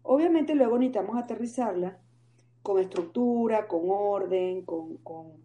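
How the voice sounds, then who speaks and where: A woman, telling her faith story in an animated interview and acting out the voices in it. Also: mid-range voice, moderate pace, highs cut off. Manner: animated, storytelling, acts out quoted dialogue. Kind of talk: conversational interview.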